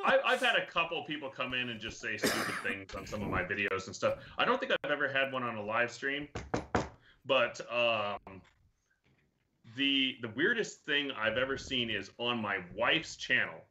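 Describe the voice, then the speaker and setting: A man's voice: mid-range voice, expressive, moderate pace, background noise. A man joining a live stream as a guest, telling stories with a joking manner. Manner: joking storyteller. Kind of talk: casual chat. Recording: dull lo-fi remote audio.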